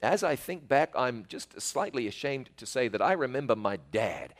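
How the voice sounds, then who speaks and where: A middle-aged storyteller with a New Zealand accent spins folksy, chatty tales from his childhood, speaking straight to the listener. His mid-range voice is very animated, at a moderate pace.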